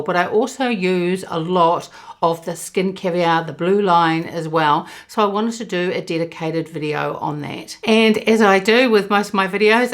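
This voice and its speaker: A woman in her fifties, a beauty vlogger giving a chatty, enthusiastic skincare talk to camera. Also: fairly low pitch. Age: 50s. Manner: chatty and enthusiastic, explains step by step.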